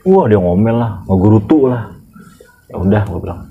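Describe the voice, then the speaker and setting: A man, a security guard telling stories in casual podcast chat, animated and blunt with slang and swearing. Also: on the low side, moderate pace, creaky, breathy edge. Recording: dull lo-fi recording.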